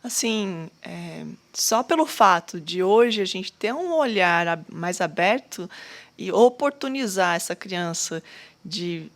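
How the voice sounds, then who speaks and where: A woman who works in education, chatting on a podcast in a middle-range voice. She thinks aloud, circling back with fillers and restarts before landing her point. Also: mid-range voice. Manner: thoughtful, many fillers and restarts. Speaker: educator at a school. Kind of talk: casual podcast conversation.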